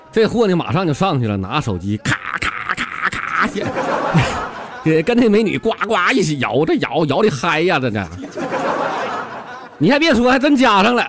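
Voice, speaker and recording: A man's voice: mid-range voice, background noise. A man with a Northeastern Chinese accent telling comic stories in a brash style full of swearing punchlines. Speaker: comedian. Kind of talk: stand-up comedy monologue. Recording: music behind the voice.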